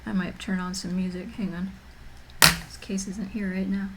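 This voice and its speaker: A woman's voice: medium pitch, flat delivery, normal speed, heavy background noise. A young woman streaming from home and chatting casually, rambling with lots of fillers and restarts while feeling a little nauseous. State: mildly nauseous. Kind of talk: casual livestream chat. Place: home room.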